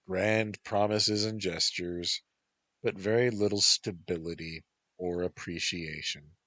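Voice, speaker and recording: A man's voice: low voice, fairly even intonation, slow pace, a bit bright, dry recording. A man voicing a weary, wry young man who grumbles about how he is treated, read as a storybook. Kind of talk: storybook narration.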